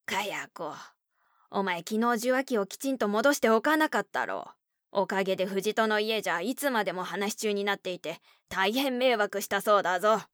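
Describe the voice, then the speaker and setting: A woman's voice: mid-range voice, animated, normal speed, a bit bright, no echo, studio quality, natural voice. A woman narrator voicing an impatient middle-aged father who scolds curtly. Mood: irritated. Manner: curt, dismissive scolding.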